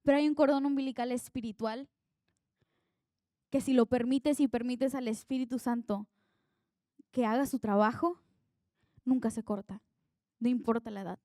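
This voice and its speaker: A woman's voice: on the high side, steady tone, normal speed, long pauses, warm tone, dry recording, studio quality. A young woman preaching an earnest, conversational sermon that draws on her own life.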